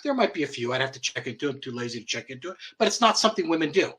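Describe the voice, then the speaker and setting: A man's voice: mid-range voice, sing-song, racing, fairly bright tone. A man hosting an online commentary show, blunt and profane, chuckling mockingly as he rants. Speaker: host.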